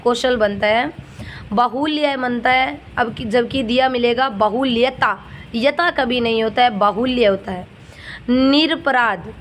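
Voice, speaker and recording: A woman's voice: a little high, a little hiss or hum. A woman teaching Hindi grammar for an exam, drilling each word by repeating its correct and wrong forms. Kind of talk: exam-prep lesson.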